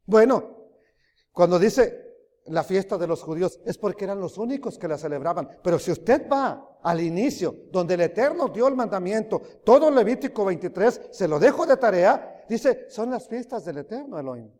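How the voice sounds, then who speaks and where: A man preaching a sermon, emphatic, swinging between loud rises and quiet drops, often asking his listeners questions. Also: sits high, animated, normal speed. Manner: emphatic, rising and dropping loudly, asks the audience questions. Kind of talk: sermon teaching. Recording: long hall reverb.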